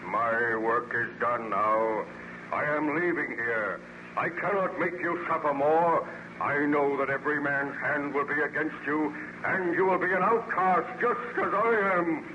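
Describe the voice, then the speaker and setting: An actor playing a vengeful, contemptuous man-made monster in an old-time radio horror serial, declaiming slowly and grandly. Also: fairly high pitch, dull audio, natural voice. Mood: menacing, bitter. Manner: slow, menacing, grandiose archaic declamation. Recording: noisy, band-limited old radio recording.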